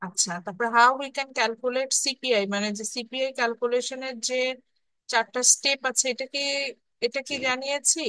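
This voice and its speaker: A woman's voice: sits high, fairly even intonation, bright, forceful tone, dry recording, rough recording. A woman university lecturer teaching an online class, mixing English terms into her speech and often checking in with students. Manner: mixes English terms into Bengali, slow deliberate English phrases.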